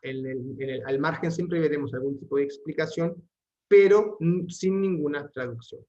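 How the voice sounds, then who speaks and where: Man, Latin teacher, patient explanations, slow read-aloud sentences, slightly muffled lo-fi sound. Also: fairly high pitch, dark tone. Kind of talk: online language lesson.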